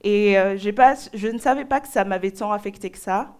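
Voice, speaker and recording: Giving a sermon in French, a young woman from Nigeria recounts her personal testimony, speaking in brief phrases and leaving pauses for an interpreter. She has a medium-pitched voice with a clean tone.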